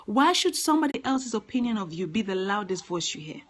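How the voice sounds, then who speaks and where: A woman's voice: medium pitch, very animated, fairly quick, rough recording. A woman giving an earnest motivational talk, speaking emphatically and repeating her key phrases.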